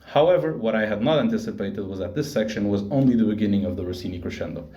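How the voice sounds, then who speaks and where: A man's voice: lowish voice, fast talker, mellow, muffled recording, a little hiss or hum. Young man presenting in a roomy space. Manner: explanatory, with fillers and self-corrections. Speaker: voice student presenting. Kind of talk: spoken presentation. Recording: roomy echo.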